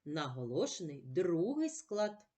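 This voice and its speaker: A woman teacher giving a slow, clear reading lesson to children, stressing each word carefully. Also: fairly low pitch, big pitch swings, dark tone.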